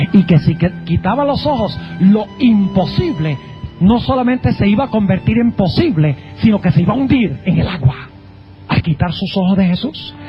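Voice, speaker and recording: A man preaching a sermon as pastor, dramatic and emphatic, slowing down to stress key words. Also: high voice. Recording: dull lo-fi sound with faint music.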